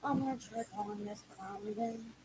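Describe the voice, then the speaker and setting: A woman's voice: mid-range voice, steady tone, brisk. A woman chatting casually as a livestream host, blunt and irritated, swearing freely. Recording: noisy amateur livestream recording.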